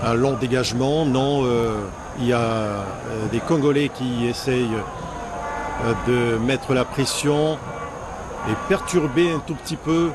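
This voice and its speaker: A man's voice: mid-range voice, measured pace, noisy background. A man giving live football commentary in broken phrases, often hesitating as he searches for words.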